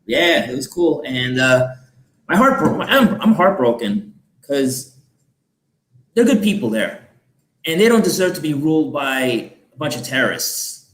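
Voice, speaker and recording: A man's voice: a little high, sing-song, unhurried. Earnest man in an echoey room. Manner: earnest, storytelling. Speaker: guest, travel YouTuber. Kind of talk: casual podcast chat.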